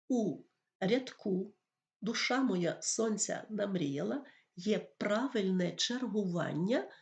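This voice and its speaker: In a gravelly, medium-pitched voice, a woman who teaches literature walks her class through a poetry lesson. She reads verse lines aloud and explains things patiently.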